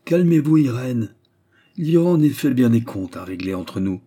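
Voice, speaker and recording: A man's voice: medium pitch, big pitch swings, moderate pace, warm tone. A man doing a cold, cynical scheming prince.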